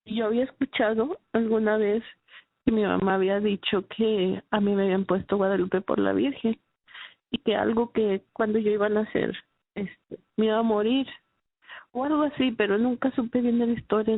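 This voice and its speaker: A woman giving a halting, emotional personal faith testimony, with many restarts. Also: medium pitch, steady tone, no echo. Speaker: testimony speaker. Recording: dry, phone-like narrow sound.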